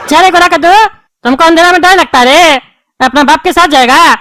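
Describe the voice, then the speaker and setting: A woman's voice: extremely high pitch, fairly quick, fairly bright tone, a little hiss or hum. A woman voicing a quarrelsome bald neighbourhood politician in a cartoon, scolding and mocking the others. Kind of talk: cartoon voice acting.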